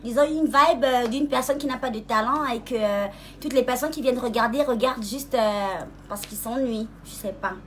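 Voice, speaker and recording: A young woman with a high, bright-toned voice speaks straight to a rival in a casual live-stream rant. She sweet-talks and mocks in the same breath, drawling some words slowly and leaping higher in pitch when irritation takes over. Faint background noise sits behind her. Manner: mocking and sweet-talking, calls the listener "baby", asks "hmm?". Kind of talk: casual taunting monologue.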